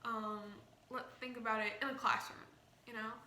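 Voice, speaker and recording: Bright-voiced young woman with slight lisp. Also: on the high side, flat delivery, normal speed. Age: young adult. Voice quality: slight lisp, as if wearing a retainer. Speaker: vlogger. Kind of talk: casual rambling explainer to camera. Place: small indoor room. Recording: roomy echo, faint background noise.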